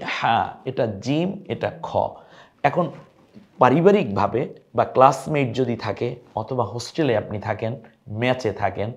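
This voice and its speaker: A man's voice: mid-range voice, a little mellow, lo-fi sound. A man teaching viewers to read Arabic letters, coaxing them to repeat each letter name after him. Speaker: Quran teacher.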